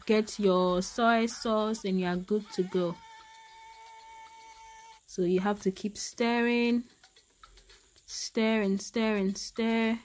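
In a casual cooking demo from her home kitchen, a woman from Ghana talks to her audience as "my people" and gets excited about the dish. She speaks slowly with long pauses, her medium voice fairly even in intonation, over soft background music.

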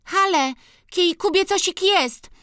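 A woman voicing a fretful young peasant girl who speaks in rural dialect with a high, plaintive voice. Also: slow pace, a bit bright, no room sound, studio quality, heavily acted. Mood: whiny worried.

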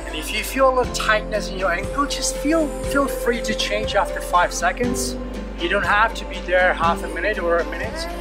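A distant camera records a male fitness coach with a high voice leading guided stretches outdoors on a windy headland beside the sea, with music in the audio. He keeps a moderate pace, sounding calm and supportive as he repeats words frequently.

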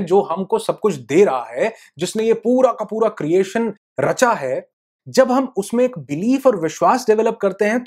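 A man's voice: high-pitched, darkish tone. A man coaching on the law of attraction in a motivational talk. He mixes English terms into his Hindi and repeats phrases for emphasis.

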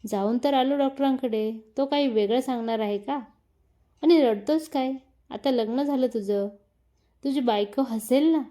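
A woman voicing an ailing older father who talks softly and wearily. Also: high voice, moderate pace, close to an everyday voice. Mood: weary.

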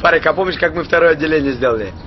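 A man's voice: fairly high pitch, racing, dull audio, music in the background, close to an everyday voice. A man playing a confident, cocky young gang leader in a naturalistic crime film, speaking outdoors. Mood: relaxed, friendly. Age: young adult. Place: outdoors on an open road.

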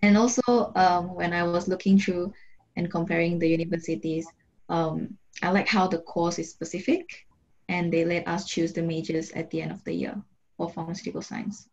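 A young woman who grew up in Singapore, a university student, speaking in a measured, earnest way on a video call. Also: on the low side, little pitch movement, a little mellow. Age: young adult. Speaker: student panellist. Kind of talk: casual video-call chat. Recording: slightly dull video-call audio.

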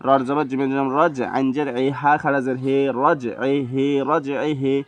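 Man drilling Quran letters, smooth flat voice. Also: mid-range voice. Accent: Bangladeshi Bengali. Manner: rhythmic, repetitive, measured syllable drilling. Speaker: Quran reading teacher. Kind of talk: spelling out letters and syllables slowly for learners.

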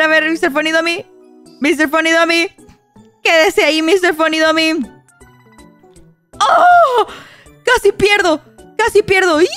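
A young woman narrates her game for viewers in a high, very lively voice that leaps up and down. She is excitable and shrieks when something startles her. Faint music plays behind her. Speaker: gaming YouTuber. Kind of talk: Roblox gameplay commentary.

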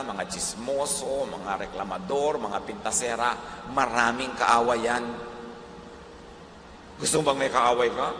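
A man's voice: mid-range voice, a bit bright. A man with a Filipino accent preaching a sermon, moving between Tagalog and English with emphatic rises. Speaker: pastor. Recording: echoey hall with faint noise.

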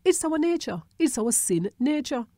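A woman delivers a teaching sermon in a warm, mellow voice. She drives points home by repeating them and pauses for a questioning "hmm?". The recording is close and dry, with no room sound. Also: sits high, sing-song, dry recording. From Montserrat. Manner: repeats key phrases for emphasis and checks in with a questioning "hmm?". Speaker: Bible teacher.

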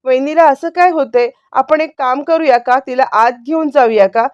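A woman reads out the lines of a spiteful, scheming man who jeers loudly at his relatives and then feigns innocence. Her voice sits fairly high. The sound is dry and a little dull. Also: moderate pace, no room sound, close to an everyday voice. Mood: taunting. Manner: loud, mocking, falsely innocent.

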